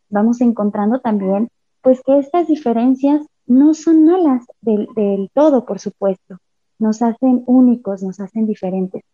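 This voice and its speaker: A woman's voice: fairly high pitch, dry recording. A woman, a cultural promoter giving a reflective panel answer with frequent restarts over a call. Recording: tinny phone-like line, dry.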